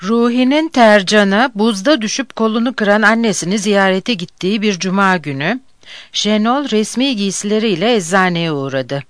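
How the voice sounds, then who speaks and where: An audiobook narrator reading a novel aloud in a measured, even way. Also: medium pitch, clean tone, no echo, studio quality.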